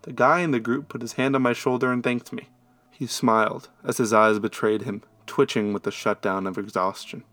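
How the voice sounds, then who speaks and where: A man narrating a first-person story in a conversational way that grows animated at tense moments. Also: mid-range voice, moderate pace, no echo.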